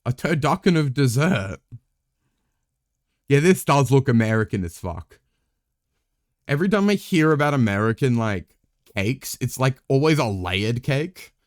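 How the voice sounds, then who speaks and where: A man's voice: medium pitch, lively intonation, measured pace, long pauses, no room sound, clean studio sound. A young man live-streaming a game, chatting casually in a rambling way, swearing freely, with wry asides to his viewers.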